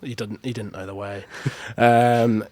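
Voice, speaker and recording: A man's voice: lowish voice, flat delivery, measured pace, a little mellow, dry recording. A young man co-hosting a podcast, telling a story in a chatty way and laughing at his own jokes. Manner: chatty, self-amused storyteller. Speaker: podcast co-host. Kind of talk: casual podcast chat, storytelling.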